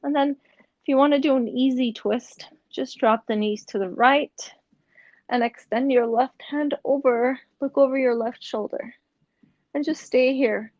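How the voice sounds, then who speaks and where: A young woman guiding a yoga class, giving slow, gentle cues with casual asides. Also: sits high, steady tone, no room sound, lo-fi sound. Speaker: yoga instructor. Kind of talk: guided yoga instruction.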